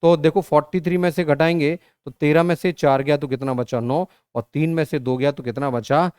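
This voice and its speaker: A man's voice: fairly high pitch, fairly even intonation, brisk, a little mellow, smooth, no echo, clean studio sound. Man teaching arithmetic step by step. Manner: step-by-step, asks and answers his own questions; addresses students as "beta". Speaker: online reasoning teacher. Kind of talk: exam-prep lesson, worked arithmetic.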